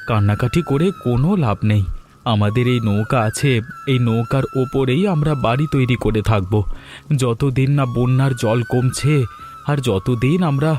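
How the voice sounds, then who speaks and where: An actor playing a poor middle-aged fisherman and father who talks in a calm, reassuring way. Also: medium pitch, moderate pace, lightly acted. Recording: faint music underneath.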